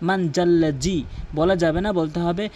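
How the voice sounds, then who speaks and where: A man teaching correct pronunciation of Quran verses, explaining briskly and insistently and repeating each word slowly to correct it. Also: high-pitched, steady tone, darkish tone, a little hiss or hum. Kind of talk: pronunciation tutorial.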